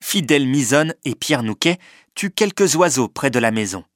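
Male storybook narrator, measured and clear, dry booth sound. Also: mid-range voice, lively intonation, dry recording. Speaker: audiobook narrator.

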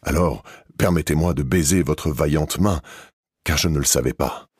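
A man's voice: rumbling low, moderate pace, darkish tone, slight background noise. A man reading an audiobook, voicing a courtly baron with formal, gallant manners. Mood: surprised.

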